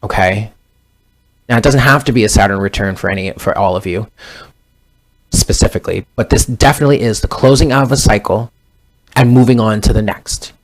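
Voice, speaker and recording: A man's voice: lowish voice, brisk, pauses often. A man in his thirties giving a casual tarot reading, rambling and often correcting himself mid-sentence. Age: 30s. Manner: rambling, self-correcting, conversational. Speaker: tarot reader.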